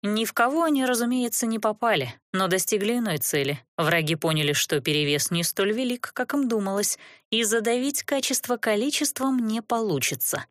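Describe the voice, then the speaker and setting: A woman narrating a first-person fantasy audiobook in a measured, expressive storytelling manner. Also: mid-range voice, no echo, clean studio sound.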